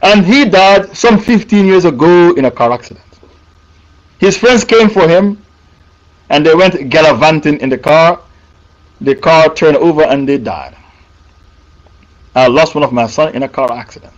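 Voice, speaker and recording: A man delivers a sermon in a high voice, stressing and repeating his key points. The recording is dull and lo-fi. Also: lively intonation, moderate pace, long pauses. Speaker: preacher.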